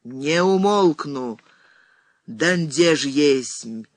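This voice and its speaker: A woman's voice: deep voice, expressive, very slow, dry recording, full character voice. A woman reading the part of an elderly nun, sonorous and solemn, crying out warnings like a prophet. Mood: prophetic. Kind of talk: audiobook reading.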